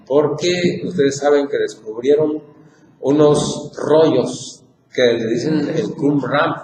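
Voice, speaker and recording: A man's voice: medium pitch, darkish tone. A man with a Mexican Spanish accent teaching an informal Bible class, repeating points and asking the group questions. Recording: echoey room with faint noise.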